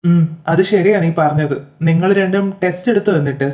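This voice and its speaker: Man playing a weary older father, mellow. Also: high-pitched, fairly quick, close to an everyday voice. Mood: calm. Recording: soft background music.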